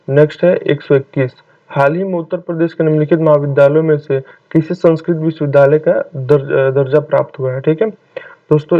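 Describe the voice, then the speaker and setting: A man's voice: fairly high pitch, dry recording. A man tutoring for an exam, reading out quiz questions and answers and saying "okay, friends" after each one. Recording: tinny, distant phone-like mic.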